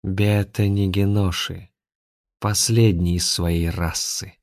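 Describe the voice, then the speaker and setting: A man's voice: fairly low pitch, steady tone, measured pace, a little mellow, no room sound, clean studio sound, close to an everyday voice. A man voicing a woman possessed by an alien, speaking in an indifferent, lifeless way. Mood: menacing. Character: woman whose body is taken over by a cold alien.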